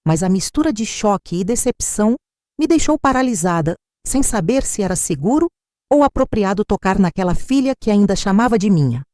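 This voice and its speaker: A middle-aged woman giving a dramatic, measured first-person narration of a family story. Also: medium pitch, mellow, dry recording, clean studio sound.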